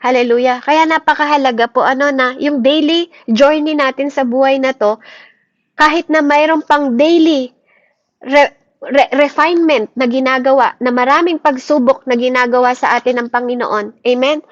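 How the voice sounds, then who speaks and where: A woman's voice: sits high, normal speed, no room sound, highs cut off. A Filipino woman leading a morning Bible devotion, earnest and fervent, asking "Amen?" after nearly every point and slipping English into her talk. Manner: earnest, fervent preaching with many restarts. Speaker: devotion leader.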